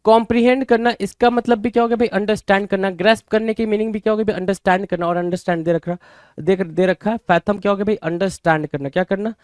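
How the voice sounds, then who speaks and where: Man, vocabulary teacher, Indian English accent, high voice, dry close sound, repeats himself, quizzes students. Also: steady tone, fast, a little mellow, smooth, no echo. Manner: repetitive, rhetorical questions, addresses students as "bhai". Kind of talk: exam-prep lesson.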